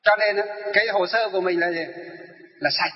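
A man's voice: high voice, fairly even intonation, fairly quick. A man, a Buddhist monk preaching a sermon, who poses questions and answers them himself. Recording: echoey hall, dull sound.

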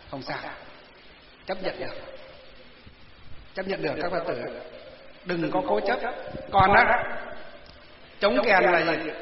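A man with a high voice preaches a Buddhist sermon to an assembled audience, repeatedly asking rhetorical questions and answering them himself, and sometimes putting questions straight to listeners. The recording has a roomy hall reverb and a dull, lo-fi quality.

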